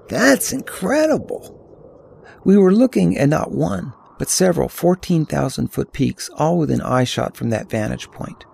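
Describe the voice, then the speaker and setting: Gravelly older man reading a story. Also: mid-range voice, slight background noise. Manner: calm, descriptive storytelling. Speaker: narrator. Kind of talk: scripted audiobook narration.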